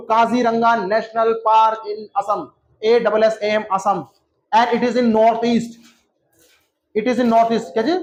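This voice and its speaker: Guy teaching a class, says the answer again and again, calls on kids, high voice, echoey room. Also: dull audio, a little hiss or hum. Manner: drills answers by repetition, quizzes students by name. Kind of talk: classroom lesson.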